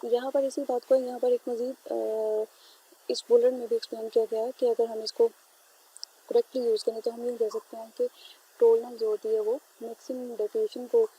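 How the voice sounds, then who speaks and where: Woman lecturer, higher mellow voice, patient explainer with frequent fillers; faint background noise. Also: flat delivery, moderate pace, husky, poor audio. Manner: explains step by step with many fillers and "theek hai" checks. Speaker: teacher. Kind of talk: classroom lecture.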